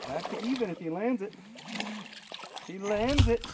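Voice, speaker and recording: Male fishing vlogger, casual and teasing, lively voice, outdoor action-cam sound with heavy noise. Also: high voice, measured pace. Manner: joking, teasing banter with his partner. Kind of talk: casual chat while fishing. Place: outdoors on a fishing boat on a lake. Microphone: action camera.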